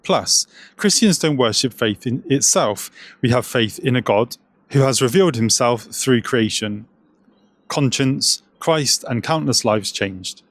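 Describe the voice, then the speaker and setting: Man, scripted commentary, sarcastic, jokey asides, mid-pitched voice. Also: animated, unhurried, no room sound, studio quality.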